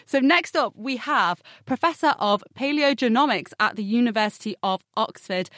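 A woman presenting a science podcast as host, with a bright, curious and upbeat delivery. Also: on the high side, dry recording, clean studio sound.

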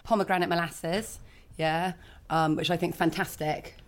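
A woman's voice: on the low side, steady tone, normal speed. A middle-aged woman talking casually about her cooking, laughing as she talks. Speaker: caterer guest. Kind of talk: casual chat.

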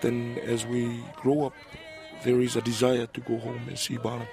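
A man from Fiji speaking in an interview, soft and hesitant, reflecting slowly on his community. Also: mid-range voice, monotone, faint music behind.

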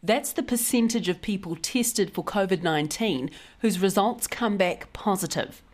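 A woman with a New Zealand accent and a medium-pitched voice hosts a news podcast, reading the headlines clearly and in a measured way.

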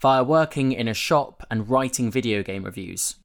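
Reading a print interview aloud, quotes included, a male narrator treats the newspaper feature as scripted narration. He speaks at a moderate pace in a mid-range voice touched with vocal fry.

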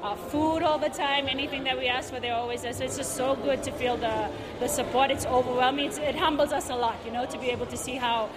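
A woman's voice: high voice, fairly even intonation, fast talker, hardly any pauses, crowd noise. A woman team captain from Fiji giving a casual, conversational post-match interview, often adding "you know" and "right". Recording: noisy outdoor location with traffic.

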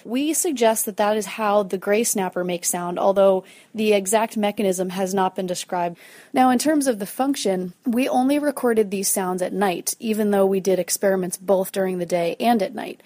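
Woman scientist walking thru her research, steady, dead dry recording. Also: mid-range voice, dry recording. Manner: measured, explanatory. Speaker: marine scientist. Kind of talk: explanatory interview answers.

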